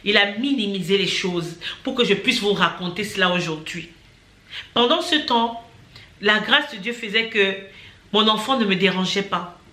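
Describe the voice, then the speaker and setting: A young woman telling her own story as a personal testimony, animated and often restarting her sentences, invoking God as she goes. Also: mid-range voice, normal speed. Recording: echoey room.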